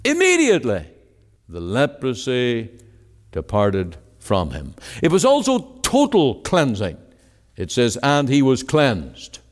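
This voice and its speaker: Slow, emphatic preacher in a reverberant hall. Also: male voice, huge pitch swings. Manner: emphatic, rising to exclamations then dropping low. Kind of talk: evening gospel sermon. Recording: long reverb of a large hall.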